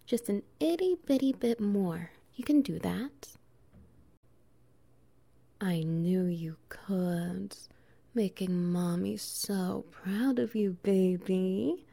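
A woman performing an intimate audio roleplay, talking softly and teasingly, slipping into whispers and low laughs. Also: slow, creaky.

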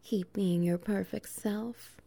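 A woman performing an intimate audio roleplay, talking softly and teasingly, slipping into whispers and low laughs. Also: steady tone, slow pace, vocal fry.

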